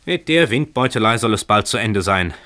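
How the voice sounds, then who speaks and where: A man's voice: on the low side, expressive, normal speed, pushed and bright. A man voicing a furious old landlord who screeches and splutters with outrage in a radio story reading.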